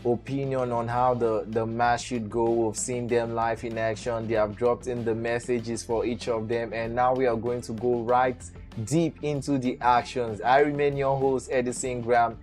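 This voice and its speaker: Lively guy hosting a gaming stream, faint music under him. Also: mid-range voice, moderate pace. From Nigeria. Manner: energetic, repeats words. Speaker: host. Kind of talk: live stream pre-match interview.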